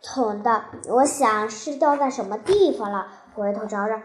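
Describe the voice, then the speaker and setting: A woman voicing a gentle mother soothing her crying child. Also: a little high, moderate pace, roomy sound, a little hiss or hum, close to an everyday voice.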